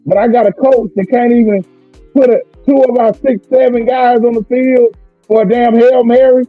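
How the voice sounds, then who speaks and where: A man on a sports podcast, speaking deliberately and critically about the team's coaching staff. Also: very high voice, no room sound. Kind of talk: casual sports podcast chat. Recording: dry tinny phone-like line.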